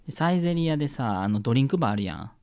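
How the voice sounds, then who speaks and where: A man with a Kansai accent chats on a relaxed podcast, spinning stories about people he has overheard. His pitch moves around a lot and keeps the telling animated. He sits in the mid range for a man's voice. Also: racing, dry recording, studio quality. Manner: chatty storyteller who acts out overheard people. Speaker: podcast co-host. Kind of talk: casual chat.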